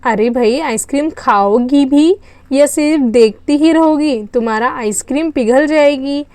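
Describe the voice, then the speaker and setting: A woman's voice: sits high, measured pace, darkish tone, no echo. A woman voicing a playful, coaxing young male college student in a doll story.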